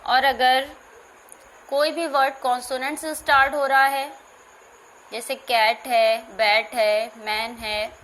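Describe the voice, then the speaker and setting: A woman teacher explains English grammar in a slow classroom manner, spelling out words and repeating them. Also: on the high side, fairly bright tone, a little hiss or hum. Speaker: school teacher.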